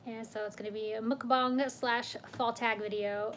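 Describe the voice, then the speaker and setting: A woman's voice: a little high, steady tone, normal speed. A young woman casually chatting on a home livestream, greeting viewers by name and laughing often. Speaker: vlog host. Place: home room.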